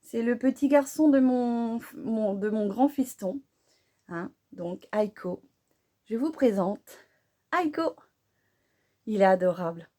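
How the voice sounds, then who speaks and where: A middle-aged woman talks casually and openly to her viewers while applying makeup. Her voice sits at an ordinary mid pitch, relaxed and conversational, sprinkled with small tags and fillers. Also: unhurried. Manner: chatty and candid, frequent tag "hein". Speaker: beauty vlogger.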